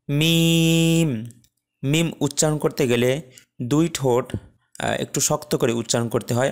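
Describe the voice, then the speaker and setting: A man teaching a Quran recitation lesson, explaining calmly and drawing out each Arabic letter slowly. He speaks with a Bangladeshi Bengali accent. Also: medium pitch. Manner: slow, drawn-out letter pronunciations between plain explanation.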